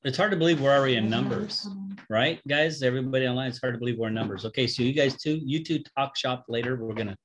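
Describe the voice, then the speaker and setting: A man's voice: medium pitch, fast talker, fairly bright tone. A middle-aged man speaking conversationally as he leads a Bible study group, addressing people directly. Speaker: congregation leader teaching a Bible study. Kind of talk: informal greeting and study leading. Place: small office or classroom, indoors. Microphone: webcam video call microphone. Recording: clear background noise and clicks.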